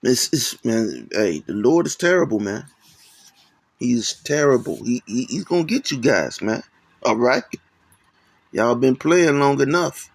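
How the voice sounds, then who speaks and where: Man, gravelly voice, dry close sound, rambling religious commentary, keeps saying man and okay. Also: mid-range voice, very animated, measured pace, dry recording. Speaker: channel host.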